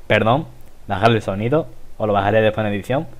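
A man's voice: on the low side, fast talker. A man with a Spain Spanish accent giving casual gameplay commentary, chatty and exclaiming at the game as he plays. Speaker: gaming video host.

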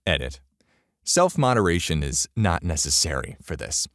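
A man's voice: low voice, big pitch swings, normal speed, no room sound, clean studio sound. A man narrating a story in a sarcastic, exasperated way.

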